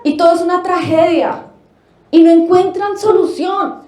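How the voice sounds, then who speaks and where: A high-pitched woman from Colombia lectures an audience at a forum, her voice bouncing around a reverberant hall. She is animated, poses rhetorical questions and slips into little acted-out quotes. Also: moderate pace. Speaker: speaker at a family forum.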